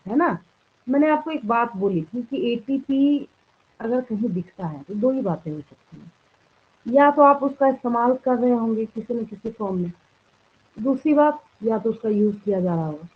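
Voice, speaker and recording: Husky-voiced woman teaching a live class. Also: fairly high pitch, lively intonation, normal speed. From India. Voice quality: clears throat now and then. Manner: repeats each point as a question to the class, then answers it; checks on students often. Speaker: biology teacher. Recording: thin phone-like sound.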